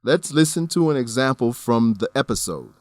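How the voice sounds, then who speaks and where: A man hosting an English lesson, reading scripted explanations with careful, deliberate enunciation. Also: mid-range voice, expressive, a little mellow, dry recording. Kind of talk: scripted educational narration.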